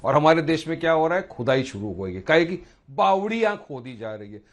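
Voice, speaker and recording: A man's voice: a little high, sing-song, brisk. A man speaking as a guest in a televised political debate, heated and sarcastic, often talking over the others. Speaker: panel guest.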